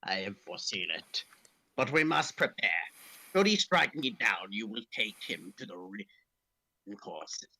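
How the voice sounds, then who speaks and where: A sinister old emperor played by a man speaks in slow, foreboding proclamations. The voice is gravelly and dropped low, with a forceful edge, in a sci-fi fan drama on a dry, close recording. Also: sing-song, no echo, heavily acted. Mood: ominous. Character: sinister old Sith emperor hologram, scheming, grandly foreboding.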